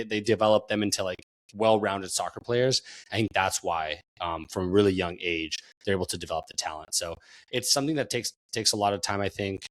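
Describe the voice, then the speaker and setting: A man co-hosting a soccer podcast, talking in a loose, rambling way and repeating words as he thinks. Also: on the low side. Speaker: podcast co-host. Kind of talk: casual chat.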